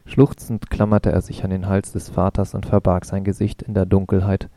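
A male audiobook narrator with a low, gravelly voice. His tone is very dark and mellow, and his reading is calm and measured. The sound is dry and close, with no room around it. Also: no echo. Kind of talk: scripted narration.

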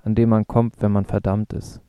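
A man's voice: on the low side, flat delivery, normal speed, mellow, clean tone, no echo, lightly acted. A man reading the part of a cryptic male mathematician who talks in clipped, terse phrases.

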